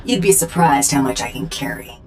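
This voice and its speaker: Actor playing a terse, cocky bounty hunter. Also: male voice, medium pitch, lively intonation, fairly quick, slight background noise, close to an everyday voice. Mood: cool, cocky. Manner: terse, blunt. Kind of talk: video game voice acting.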